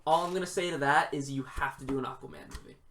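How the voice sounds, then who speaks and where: A man's voice: a little high, fast, fairly bright tone, slight background noise. A man co-hosting a casual gaming podcast, joking around and laughing often, with many hesitant fillers. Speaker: podcast co-host.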